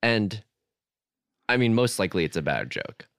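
A man's voice: lowish voice, expressive, moderate pace, a bit bright, clear, resonant tone, dry recording, studio quality. A young man hosting a casual podcast chat, joking about himself and laughing often. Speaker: podcast host.

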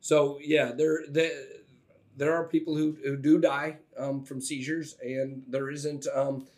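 A man co-hosting a casual podcast chat, talking in halting bursts full of fillers and restarts. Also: fairly high pitch, little pitch movement, a little mellow. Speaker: podcast co-host.

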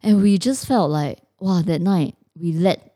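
Mellow, dry-sounding woman speaking Singlish slang. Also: lowish voice, a little slow, husky, no room sound. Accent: Singaporean or Malaysian. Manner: uses slang particles like lor, lah and ah. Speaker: co-host. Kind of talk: casual chat with colloquial Singlish slang.

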